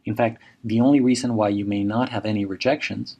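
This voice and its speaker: Steady and a little mellow, a gravelly middle-aged voice on the low side belongs to a Mexican professor and journal editor whose native tongue is Spanish. In this recorded seminar lecture, he advises in a measured way, using direct imperatives.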